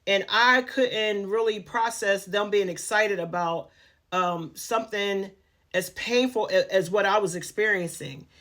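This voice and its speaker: A woman's voice: medium pitch, a little slow, fairly bright tone. A woman telling a personal story in a candid, conversational way, with many fillers and restarts.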